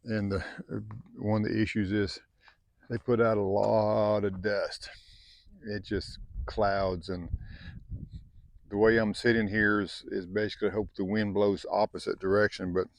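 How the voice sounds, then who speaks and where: A middle-aged male vlogger talks casually to camera at a desert camp, easygoing and rambling with lots of fillers. His voice is on the low side with a flat, unhurried delivery, and there's no echo.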